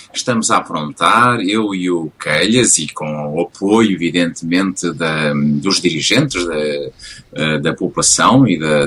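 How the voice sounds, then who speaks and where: A man's voice: low-pitched, bright, forceful tone, a little hiss or hum. A man hosting a casual radio interview, talking hesitantly with frequent fillers and restarts. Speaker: radio host.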